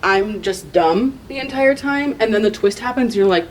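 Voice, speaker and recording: A woman's voice: medium pitch, lively intonation, normal speed, crowd noise, low-quality recording. A woman librarian co-hosting a casual book chat, rambling and chatty with lots of "like". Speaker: librarian and podcast co-host.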